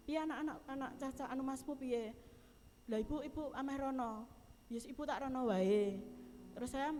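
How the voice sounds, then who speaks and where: A middle-aged woman with a Javanese accent giving a heartfelt, halting testimony in church and often repeating herself. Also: fairly high pitch, darkish tone. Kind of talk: emotional spoken testimony. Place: church hall. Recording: long reverb of a hall, music behind.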